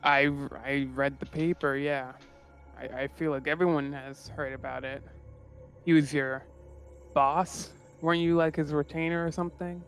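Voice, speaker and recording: A man's voice: on the high side, steady tone, normal speed, faint music behind, lightly acted. A man voicing a brusque, impatient female shaman merchant in an improvised tabletop game, with a curt, dismissive way of talking. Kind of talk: improvised tabletop role-play.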